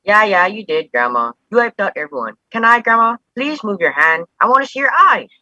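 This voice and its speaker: An actor playing a worried, pleading grandson. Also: male voice, high voice, big pitch swings, brisk, pushed and bright, no room sound, lo-fi sound, full character voice. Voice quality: urgent, pleading. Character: worried young adult grandson, anxious and protective. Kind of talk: live-streamed stage play.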